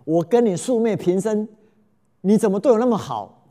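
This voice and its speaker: A man voicing a poor young beggar who pleads slowly. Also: high voice, lively intonation, mellow, in a large hall, voice pushed up. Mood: pleading.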